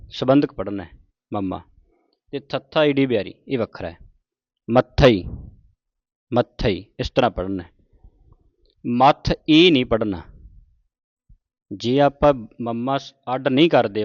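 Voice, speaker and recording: A man teaching the correct pronunciation of scripture, chanting each verse slowly and deliberately, then explaining the right way to say it. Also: medium pitch, no room sound, highs cut off.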